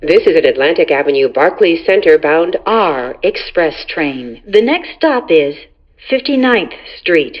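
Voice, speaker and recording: A woman's voice: unhurried, dull audio. Woman's spliced-together train announcement voice. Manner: even, formal announcing with abrupt pitch jumps between joined phrases. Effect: spliced-together prerecorded words. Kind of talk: recorded transit announcements.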